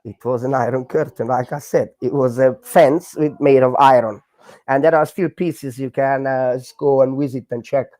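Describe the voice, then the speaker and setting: A man in his forties from Hungary with a Hungarian accent, telling his story in a casual interview with many fillers and halting non-native grammar. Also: mid-range voice, steady tone, dark tone, no echo. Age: 40s. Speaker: guest, breakdancer.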